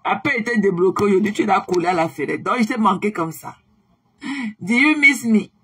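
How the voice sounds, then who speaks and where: A woman's voice: medium pitch, fast, husky. A tired woman chatting casually to her viewers on a live stream, repeating herself and slipping English phrases into her talk.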